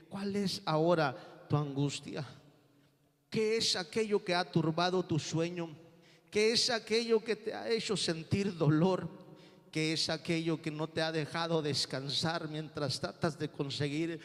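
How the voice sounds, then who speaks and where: Brief: male preacher, fervent, slightly high voice, long hall reverb. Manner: fervent, builds to shouting. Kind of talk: sermon.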